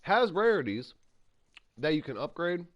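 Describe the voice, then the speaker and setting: A man's voice: a little high, normal speed, highs cut off. A man hosting a gaming channel, giving rambling, opinionated commentary while playing and eating. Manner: rambling, opinionated, animated ranting. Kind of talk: casual gameplay commentary.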